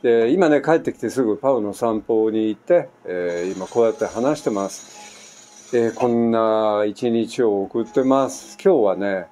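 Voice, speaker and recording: Recording in his island home, where construction is faintly audible nearby, a vlogger from Japan in his sixties tells a chatty anecdote packed with tangents. He speaks a little slowly in a fairly low-pitched voice.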